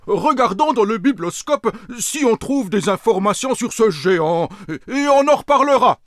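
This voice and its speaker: Woman doing a theatrical cartoon kid, very expressive. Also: on the high side, normal speed, no room sound, clean studio sound, lightly acted. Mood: teasing. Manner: teasing, dramatic. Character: excitable cartoon kid character, dramatic.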